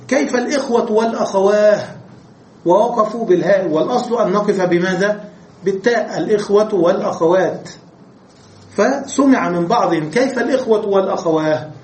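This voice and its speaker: High-voiced man teaching Arabic grammar. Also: a little mellow. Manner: explains step by step, asks the class rhetorical questions. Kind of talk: classroom grammar lesson. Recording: echoey room with faint noise.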